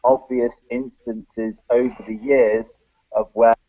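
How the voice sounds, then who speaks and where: A man chatting casually on an online call, halting with fillers and restarts while his audio glitches and cuts out. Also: mid-range voice, little pitch movement, no echo, lo-fi sound. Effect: glitchy audio cutting out. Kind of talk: casual chat.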